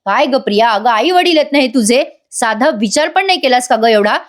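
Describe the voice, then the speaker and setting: A woman's voice: on the high side, expressive, a little fast, lightly acted. A woman voicing a stern young heroine who firmly scolds a liar. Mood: scolding. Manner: firm, scolding.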